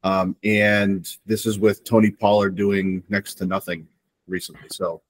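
Low-voiced long-winded man. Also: level tone, a little slow, dry recording. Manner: long-winded, rambling analysis. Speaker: podcast co-host. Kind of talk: casual chat among friends.

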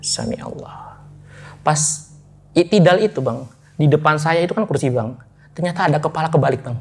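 A man's voice: a little high, quick pace, darkish tone, slightly rough. A man as a guest in a casual interview, telling a ghost story in loose, chatty speech with restarts, often addressing the listener directly.

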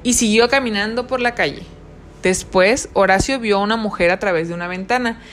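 A woman's voice: mid-range voice, faint music behind. A woman reading a children's story aloud and asking the young listeners questions about it. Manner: warm questioning of the children, slow expressive reading.

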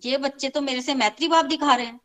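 A woman's voice: high voice, quick pace, low-quality recording. A woman retelling a scripture story in a casual, conversational way, repeating phrases for emphasis, speaking to her listeners and mixing in English words.

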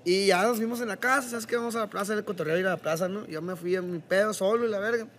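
High-voiced man, profane storyteller. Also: fast, a bit bright. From Mexico. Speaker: podcast guest. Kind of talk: casual podcast chat.

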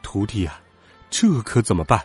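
A man voicing a gentle, humble monk master in a storybook, speaking softly and slowly. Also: lowish voice, big pitch swings, husky, soft background music. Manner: soft, slow and humble. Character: gentle, timid old-style monk master, male.

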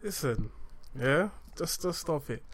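A man's voice: a little high, lively intonation, slow pace. A young man with a London accent bantering casually with a friend, slangy and often repeating himself. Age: young adult. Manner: slangy, repetitive.

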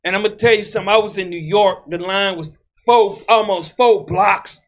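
High-voiced man preaching emphatically. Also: normal speed. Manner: loose, emphatic, keeps adding "man"; repeats words while building a point. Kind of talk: street-style sermon.

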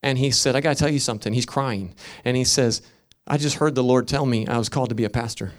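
A man preaching a sermon as a pastor, swinging from loud emphatic peaks to quiet storytelling, with rhythmic repetition. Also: mid-range voice, fast talker.

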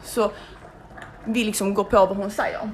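A young woman telling a story in casual, animated speech, swearing freely and acting out the people she quotes. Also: mid-range voice, a little hiss or hum.

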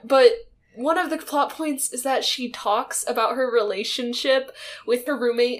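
A woman co-hosting a podcast, chatting casually in an easy, amused way. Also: a little high. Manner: laughs easily as she talks. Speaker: podcast co-host. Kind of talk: casual chat.

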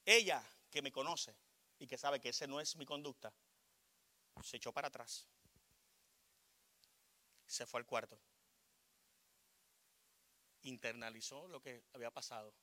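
A middle-aged man with a Puerto Rican accent preaching a sermon, shifting from loud declarations to quiet asides. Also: mid-range voice, measured pace, pauses often. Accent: Puerto Rican Spanish. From Puerto Rico. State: short of breath. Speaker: pastor.

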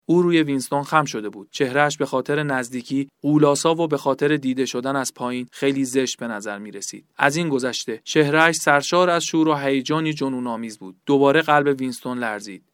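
A man reading a novel aloud as a podcast host, in a steady, measured narration. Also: medium pitch, clean tone, no echo, clean studio sound. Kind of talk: literary narration.

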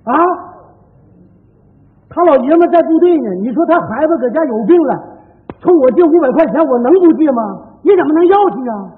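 An actor playing a henpecked middle-aged husband with a Northeastern Chinese accent, scolding and pleading in loud, exasperated bursts for a comedy sketch. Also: male voice, extremely high pitch, expressive, fairly quick. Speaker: comic actor. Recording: tinny lo-fi stage recording with reverb.

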